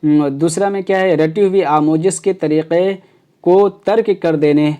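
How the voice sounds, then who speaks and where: Mellow-voiced man teaching an exam lesson. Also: on the high side, steady tone, clear, resonant tone. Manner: explains step by step with many fillers. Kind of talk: exam prep lecture.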